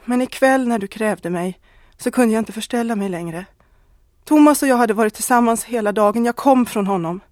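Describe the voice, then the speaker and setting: A woman's voice: fairly high pitch, darkish tone, no echo, close to an everyday voice. A woman voicing a married woman who confesses a love affair, earnest and pleading, close to tears. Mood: confessing.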